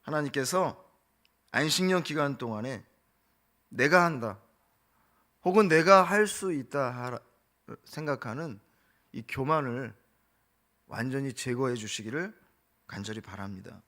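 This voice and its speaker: A man's voice: medium pitch, expressive, unhurried, pauses often, pushed and bright. A middle-aged man preaching a dawn prayer sermon as pastor, impassioned, firing off rhetorical questions and acting out quotes. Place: church sanctuary.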